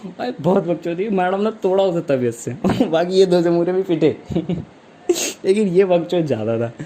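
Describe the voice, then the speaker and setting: A man's voice: high voice, expressive, moderate pace, warm tone, slight background noise. A male stand-up comedian telling a story in a casual, chatty, slangy way.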